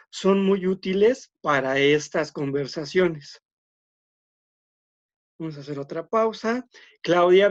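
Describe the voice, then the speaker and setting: Male teacher, online lecture, filler-heavy explanations, somewhat high pitch. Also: lo-fi sound. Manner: explanatory, many "este" fillers, repeats words.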